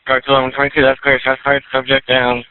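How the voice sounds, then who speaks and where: A man's voice: medium pitch, completely flat delivery, fast, clear, resonant tone, dry recording. A man working as a police dispatcher, reading back calls in clipped radio phrases over a police radio channel. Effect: police radio transmission. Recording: narrowband police radio with faint static.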